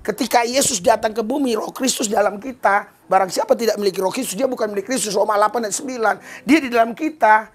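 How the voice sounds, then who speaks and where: A male pastor delivers a lively sermon to his church congregation, laughing often and slipping into playful voices to act out prayers. His voice sits high, and he talks fast with few pauses.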